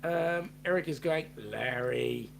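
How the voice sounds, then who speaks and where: A gravelly, slightly raised male voice with a New Zealand accent, talking at an unhurried pace. He co-hosts a casual livestream chat and reads out viewer comments, filling gaps with ums. A faint hum sits behind him. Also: fairly high pitch. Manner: relaxed, reads out chat messages with filler ums.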